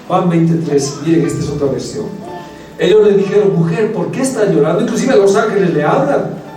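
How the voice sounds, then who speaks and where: A man's voice: sits high, expressive, a little fast. A male preacher giving an emphatic sermon in a church, calling the congregation his brothers. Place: church hall. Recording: echoey hall, mic from a distance, faint music.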